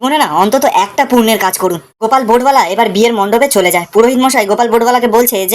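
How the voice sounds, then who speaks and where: A woman narrating a fast, dramatic recap of a TV serial episode. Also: medium pitch.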